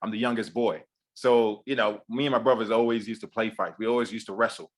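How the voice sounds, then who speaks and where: A man, an actor guest, chatting casually about his path into acting, laughing often and pausing with fillers. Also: lowish voice, steady tone. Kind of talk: casual chat.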